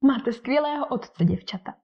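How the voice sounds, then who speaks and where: A woman's voice: sits high, animated, creaky, breathy edge, pitched above the performer's own voice, exaggerated voice. Woman playing a fussy, nervy mother. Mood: gushing. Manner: fretful, indignant, gushing. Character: fussy, excitable middle-aged mother, nervy. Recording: dull lo-fi recording.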